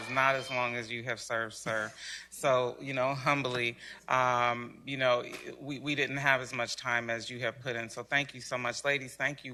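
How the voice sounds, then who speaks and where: Bright, even-toned male councilmember. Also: mid-range voice. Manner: earnest, repeats words while thanking. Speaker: city councilmember. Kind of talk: council meeting remarks. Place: city council chamber.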